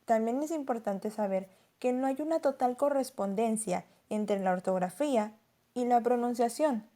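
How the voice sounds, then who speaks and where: A woman narrating a scripted lesson as a teacher, explaining clearly and slowing down to stress example words. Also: a little high, warm tone.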